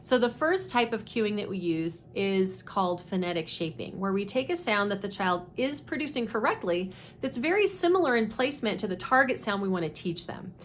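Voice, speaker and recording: A woman speech therapist giving a deliberate, methodical instructional explanation of a teaching method. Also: mid-range voice, expressive, a little hiss or hum. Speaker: speech therapist presenting her own teaching deck.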